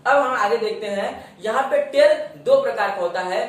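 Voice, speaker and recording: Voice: mid-range voice, far from the mic. A teacher from India giving a spoken English pronunciation lesson, spelling each word out letter by letter. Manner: spells words letter by letter, slow and drawn out. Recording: roomy echo, voice off-mic.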